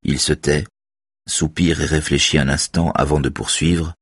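A man narrates a novel in a steady, even reading voice. His pitch is extremely low and the tone husky. The recording is close and dry. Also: moderate pace, no room sound. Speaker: audiobook reader. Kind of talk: scripted narration.

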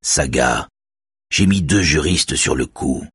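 A man doing a calm, deep-voiced police chief. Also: breathy edge, no echo, clean studio sound, exaggerated voice. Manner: calm, measured.

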